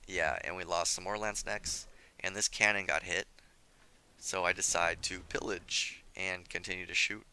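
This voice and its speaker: Gravelly low-voiced man narrating gameplay. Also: fairly even intonation, moderate pace, pushed and bright. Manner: self-critical, chatty, thinking aloud. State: slightly hoarse, losing his voice. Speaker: gameplay commentator. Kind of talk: let's play commentary.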